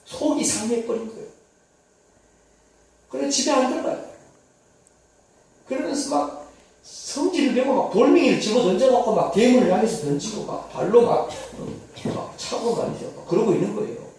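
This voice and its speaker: A male pastor preaches with lively, rising and falling pitch, his gravelly voice swinging from hushed asides to loud outbursts. He sounds far from the mic, and the church hall echoes heavily. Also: normal speed, long pauses. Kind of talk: sermon storytelling. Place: church sanctuary.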